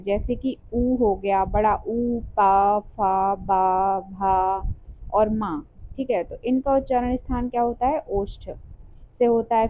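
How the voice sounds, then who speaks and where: A woman's voice: on the high side, no echo. A woman teaching an exam-prep lesson, explaining step by step and sounding out letters, often checking in with "theek hai". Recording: dull lo-fi sound.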